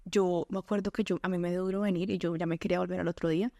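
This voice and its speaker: A Colombian woman tells her personal faith testimony as a podcast guest, earnest and quick to laugh, often quoting her own words. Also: on the low side, little pitch movement, gravelly, mellow, no room sound, studio quality. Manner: earnest storytelling, quick to laugh, quotes herself and God.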